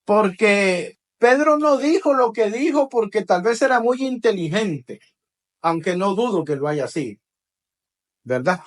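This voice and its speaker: A man's voice: high-pitched, animated, a little slow. A man preaching to a congregation, leading call-and-response and tagging his phrases with "¿verdad?". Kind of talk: teaching sermon to a congregation.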